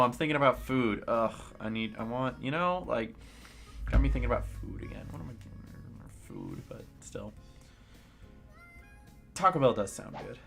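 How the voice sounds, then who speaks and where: A young man streaming live, chatting casually to his viewers and rambling through exasperated complaints, with sudden high outbursts. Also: a bit bright.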